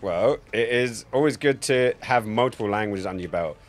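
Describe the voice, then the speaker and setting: Speaking at normal speed in a fairly low voice, a man in his forties chats casually while gaming on a live stream, rambling with jokes and frequent swearing. He's set up indoors at home, close to a streaming mic on a boom arm.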